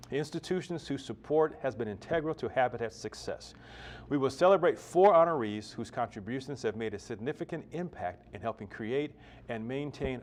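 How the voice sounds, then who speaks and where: A man emcees an awards event with a mid-pitched voice. His delivery is formal and measured, as if reading sponsor lists and a prayer to an audience. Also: a little mellow. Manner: formal, reads sponsor list. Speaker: ceremony emcee.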